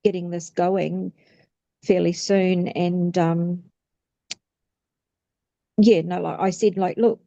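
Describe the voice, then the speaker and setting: A woman's voice: on the low side, little pitch movement, slow, creaky, pauses often, mellow, no echo. A woman in her fifties getting a reading, chatting casually and rambling with many fillers and restarts. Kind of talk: casual chat. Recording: slightly muffled lo-fi audio.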